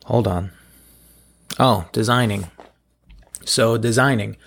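Gravelly, hoarse man rambling on a podcast. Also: lowish voice, takes it slowly, a bit bright. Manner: self-deprecating, loose, digressive. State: hoarse from allergies. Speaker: podcast host. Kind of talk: rambling casual solo podcast talk. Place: at home, in a room below a bathroom.

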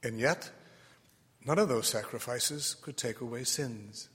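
A male preacher delivers a homily in a cathedral echo with long reverb. His voice is bright and forceful, at a middle pitch. He speaks very slowly, in short oratorical phrases. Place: large reverberant church.

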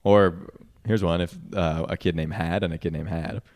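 A man's voice: low-pitched, steady tone, normal speed, a little mellow. A man co-hosting a podcast in casual chat, delivering a wordplay riddle with frequent laughter. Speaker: podcast co-host.

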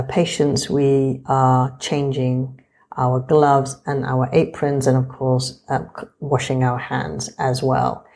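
A woman explaining things in a measured, orderly and fairly formal way, as a surgeon narrating a vlog. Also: extremely low pitch, a little mellow. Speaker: breast surgeon and vlogger.

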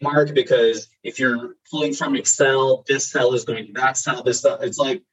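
A man cohosting as a fundraising trainer, explaining step by step in a measured way. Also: medium pitch, steady tone, slightly rough, low-quality recording. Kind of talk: explanatory advice talk.

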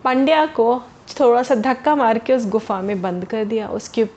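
A woman's voice: on the high side, steady tone, moderate pace, darkish tone. Woman telling a story to children. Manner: chatty, addresses listeners as kids. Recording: dull lo-fi recording.

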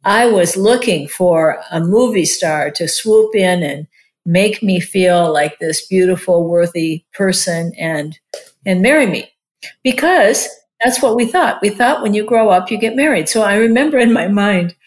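A marriage and family therapist in her sixties chats casually during an interview, her mid-range voice a little slow. She comes across as warm-hearted and talkative, dropping "like" as a filler again and again.

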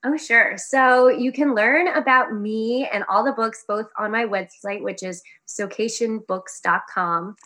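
A woman's voice: fairly high pitch, unhurried, hardly any pauses, sharp tone. A woman with a Boston accent, a guest on a podcast, talking in a friendly, chatty and slightly scattered way. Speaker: guest speech therapist and author. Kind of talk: casual podcast interview. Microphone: video call.

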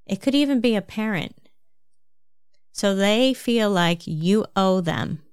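A woman with a New Jersey accent giving a calm, measured self-help talk, explaining things step by step. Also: mid-range voice, smooth, no echo, studio quality.

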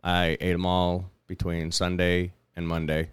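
A man's voice: sits low, monotone, unhurried, clean tone, no room sound. A man co-hosting a podcast in casual, blunt and profane chat. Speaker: podcast co-host.

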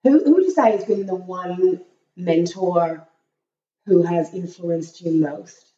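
Woman, croaky cold voice, chatty with fillers, middle-aged, roomy echo. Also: lowish voice, slow, mellow, distant mic, muffled recording. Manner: chatty, many fillers and restarts. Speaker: podcast host. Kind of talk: casual podcast chat. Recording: echoey room.

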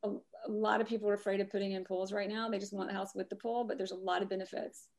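A woman's voice: mid-range voice, little pitch movement, a little mellow. Chatty Southern woman co-hosting a podcast. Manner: chatty, rambling, quick to laugh. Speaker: real estate podcast co-host. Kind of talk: casual live podcast chat.

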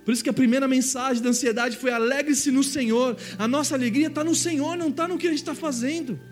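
A man from Brazil preaching a sermon as pastor, conversational and animated, with lots of playful mimicry. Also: very high voice, quick pace, faint music behind. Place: church stage.

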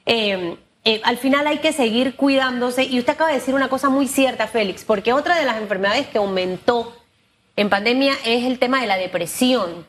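A woman's voice: fairly high pitch, a little hiss or hum. A woman with a Panamanian Spanish accent hosting a broadcast interview in an informal, direct, colloquial way. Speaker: talk show host. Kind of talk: lively conversational broadcast interview.

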